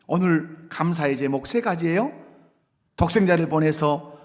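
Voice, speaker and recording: Fervent high-voiced male pastor in a reverberant church. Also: animated, measured pace. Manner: conversational, rising to loud fervent exhortation. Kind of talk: sermon. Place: church sanctuary.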